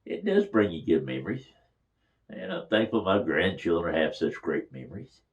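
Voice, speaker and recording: An older man tells family memories in a casual, folksy way. His voice sits a little low, and he chuckles now and then as he talks. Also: very animated, normal speed, dull audio. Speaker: storyteller. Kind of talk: casual reminiscing.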